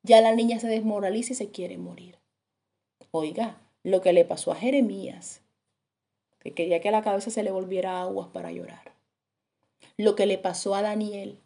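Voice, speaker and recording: A woman preaching a sermon in an earnest way, dropping her voice low for grave points. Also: vocal fry, warm tone.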